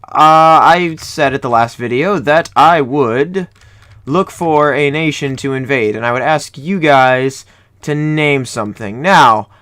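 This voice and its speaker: A young man from Ohio, USA, a gaming YouTuber, casually commentates a strategy game he's playing in a room at home. His mid-range voice is a bit bright, and he rambles, corrects himself as he goes and cracks jokes.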